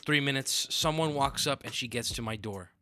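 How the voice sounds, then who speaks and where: Bright-voiced man reading a story. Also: medium pitch, moderate pace, soft background music. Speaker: narrator.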